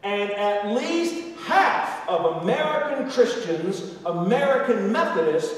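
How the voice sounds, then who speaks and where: A man's voice: very animated, takes it slowly. Man preaching in an echoey hall. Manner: swings between raised emphatic preaching and quiet low asides. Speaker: pastor. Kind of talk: sermon. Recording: echoey hall, distant from the mic.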